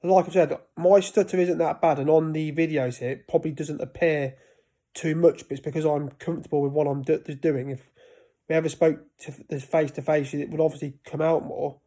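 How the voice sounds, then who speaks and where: In a warm, steady, slightly high voice at a fairly quick pace, a man in his thirties vlogs casually about life with a stutter. His speech often breaks off as he restarts words.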